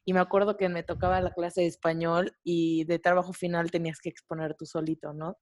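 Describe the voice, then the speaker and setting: A woman in her twenties with a Mexican Spanish accent, co-hosting a podcast and telling a personal story in a casual, animated way, full of fillers and slang. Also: lowish voice, a little fast. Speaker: podcast co-host.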